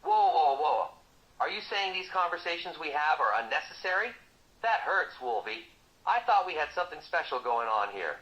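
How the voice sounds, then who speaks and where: A man's voice: a little high, very animated, normal speed, sharp tone, highs cut off. A man voicing a boastful, wisecracking male mercenary who teases his partner in comic banter. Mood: mock-hurt. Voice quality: cocky, teasing, sarcastic.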